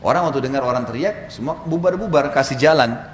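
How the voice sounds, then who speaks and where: A male preacher telling a story to his congregation in a sermon, with animated delivery. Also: mid-range voice, fast talker. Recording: echoey hall, faint background noise.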